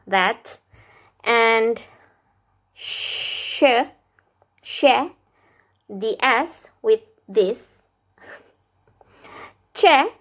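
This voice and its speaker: In a small indoor room with lamps behind her, a slightly high-voiced woman in her thirties with an Indonesian accent records a casual vlog at arm's length on a camera or phone. She muses aloud about learning a language, slowly and thoughtfully, with hesitations.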